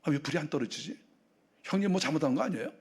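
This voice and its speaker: A preacher voicing mild young Abel. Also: male voice, on the high side, expressive, racing, slightly rough. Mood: needling.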